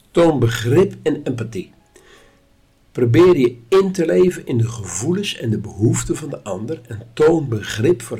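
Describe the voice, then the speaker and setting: Guy teaching a lesson, calm and measured, kinda husky voice. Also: fairly low pitch. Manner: calm, instructive, measured delivery. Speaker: course teacher. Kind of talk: spoken lesson.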